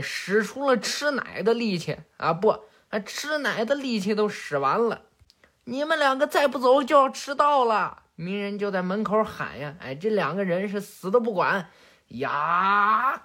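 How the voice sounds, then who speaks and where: A woman in casual recap narration, chatty and animated with many little fillers. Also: on the low side.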